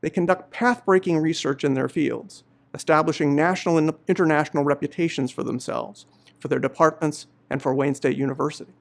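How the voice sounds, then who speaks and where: Middle-aged male professor, gravelly and a bit high, earnest measured address. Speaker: law professor giving faculty greetings. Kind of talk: formal commencement address. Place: indoor studio before a university banner.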